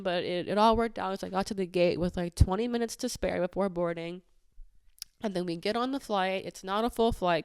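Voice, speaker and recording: A woman podcast host chats through a story in a loose, filler-heavy way, her voice a touch lower than most and smooth and clean. The sound is dry and close, with no room around it. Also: no echo. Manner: chatty, many filler "like"s, exasperated retelling. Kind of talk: casual storytelling monologue.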